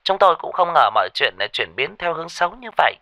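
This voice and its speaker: A man voicing a frantic middle-aged woman, the wife of a sorcerer, giving urgent high-pitched warnings in a ghost story. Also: sing-song, quick pace, sharp tone, no echo, full character voice.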